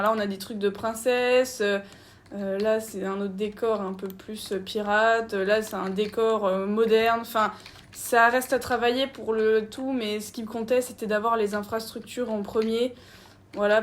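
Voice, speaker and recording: A woman giving casual, chatty gameplay commentary while touring her park, talking straight to her viewers. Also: a little high. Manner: chatty, easygoing, talks to viewers directly.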